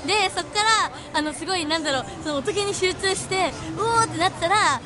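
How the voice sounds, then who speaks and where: Young woman, very high voice, animated giggly camera chat, crowd and music behind. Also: fast. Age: young adult. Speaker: vlog host. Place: large indoor amusement arcade. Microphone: handheld camera at arm's length.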